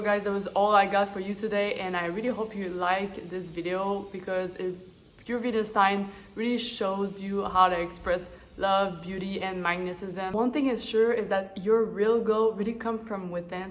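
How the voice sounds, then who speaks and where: Woman vlogging with a blocked-up nose, runs through style lists with little side comments, mid pitch. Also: a little hiss or hum. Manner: chatty, list-like delivery with asides. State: congested, stuffy nose. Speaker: astrology and style vlogger, energy-healing coach. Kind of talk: casual talk to camera, listing traits.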